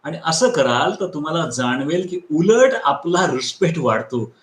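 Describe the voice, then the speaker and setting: Guy giving a motivational talk, lively up-and-down voice, kinda high, roomy echo. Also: moderate pace. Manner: animated storyteller who acts out quoted people; repeats key phrases for emphasis. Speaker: motivational speaker and trainer. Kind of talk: live online motivational lecture.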